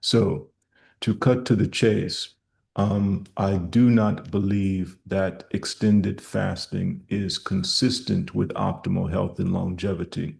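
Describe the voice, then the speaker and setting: A man with a very deep, heavily gravelly voice hosts a live stream question-and-answer session. He speaks slowly and formally, choosing elaborate words. His pitch stays flat and even. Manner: formal, measured, elaborate vocabulary. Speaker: host of a health live stream.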